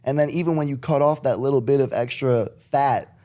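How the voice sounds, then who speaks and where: A young man from Connecticut talks as a podcast guest, loose and rambling, often breaking into laughs. His voice sits at an ordinary middle pitch, and he drifts through long stories without hurry. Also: a little fast, warm tone. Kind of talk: casual chat.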